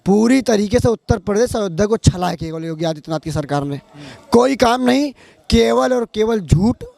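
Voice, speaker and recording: A man's voice: high voice, lively intonation, normal speed, gravelly, dark tone. A man, speaking in a heated street interview in a fiery, accusing, oratorical way. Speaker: local resident interviewed.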